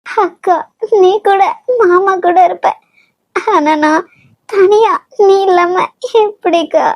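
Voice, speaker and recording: A woman's voice: extremely high pitch, takes it slowly, no echo, heavily acted. A woman voicing a cheeky, teasing younger sister in a cartoon. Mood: tearful.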